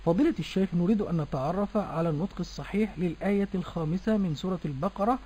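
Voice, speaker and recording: A man's voice: sits high, rapid-fire, dark tone, slightly rough. A man hosting a Quran recitation program, speaking formally and repeating words after his guest. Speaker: radio program host. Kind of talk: formal broadcast presenting.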